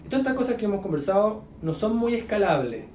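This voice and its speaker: A man's voice: sits high, big pitch swings, fast, darkish tone, a little hiss or hum. A man with a Chilean accent, mentoring entrepreneurs in a casual chat full of slang, fillers and coaching asides. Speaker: business mentor. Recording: echoey room.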